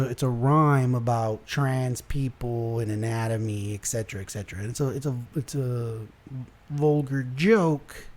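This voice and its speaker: A young man from South Texas hosting a casual commentary show, ranting about online headlines in an animated, exasperated way and often restarting his sentences. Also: medium pitch. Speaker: host.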